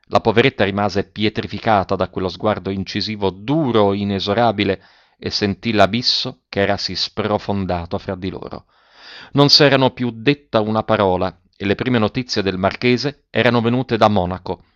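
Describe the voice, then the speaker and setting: A man narrating a novel as an audiobook, in a measured, even way, in a dull lo-fi recording. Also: fairly low pitch, no room sound.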